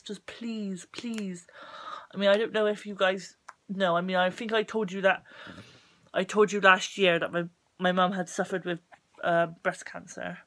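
A young English woman vlogging casually to camera, halting and soft-spoken with a stuffy, bunged-up nose. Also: lowish voice. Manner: halting, soft-spoken, full of ums and restarts. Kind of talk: casual talking-to-camera vlog.

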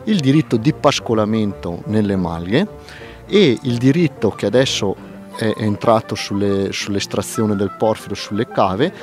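An older man with a Trentino Italian accent talks outdoors beside a mountain lake, pausing often on fillers. His voice sits low. Music plays clearly beneath him. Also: animated, a little mellow. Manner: hesitant, with frequent fillers. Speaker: municipal administrator. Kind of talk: outdoor interview. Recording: music underneath.

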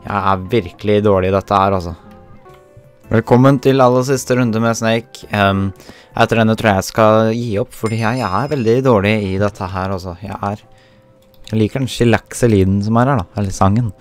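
A young man talks through his gameplay in a chatty, self-mocking way, dropping English slang as he goes. His voice sits fairly low, and soft game music plays quietly behind him. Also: steady tone. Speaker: gaming YouTuber. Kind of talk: casual gameplay commentary. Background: faint game music.

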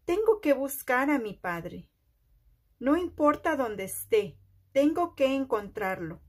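A woman voicing an earnest young boy in a children's storybook, speaking in slow, simple phrases. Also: high voice, sing-song, husky, full character voice. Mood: resolute. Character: earnest young boy searching for his father. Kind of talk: storybook read-aloud.

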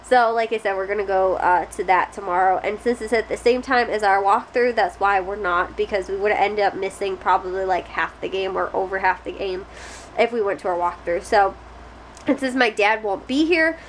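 Speaking at a moderate pace in a mid-range voice, the young woman vlogs about her family into a close, face-height camera in a small bedroom. She rambles casually, restarting often and using lots of fillers. The recording is low quality with slight hiss or hum.

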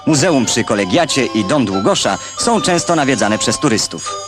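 A man's voice: mid-range voice, very animated, moderate pace. A man narrating an old newsreel in a scripted, wry and ironic way, with music behind him. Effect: old newsreel recording.

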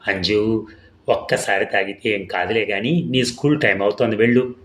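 A man's voice: fairly low pitch, fairly even intonation, normal speed, fairly bright tone, natural voice. A man voicing an awkward, evasive middle-aged father with a coaxing manner.

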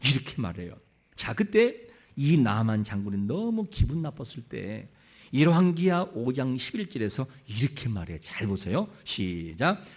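A man preaching a sermon in an animated way, putting rhetorical questions to his congregation. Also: mid-range voice, normal speed, slightly rough. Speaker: pastor.

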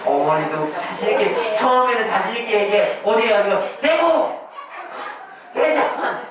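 A man's voice: sits high, brisk. A man leading a clapping game for older women, chanting rhythmic calls and teasing them playfully. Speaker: senior recreation instructor. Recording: very echoey room, far from the mic, noisy.

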